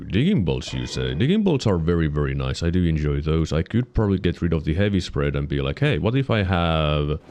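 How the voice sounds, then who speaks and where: A man giving casual let's-play commentary, musing to himself with sudden excited yelps. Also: extremely low pitch, vocal fry, slight background noise. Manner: musing, self-talking, quick excited yelps. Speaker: gaming channel host.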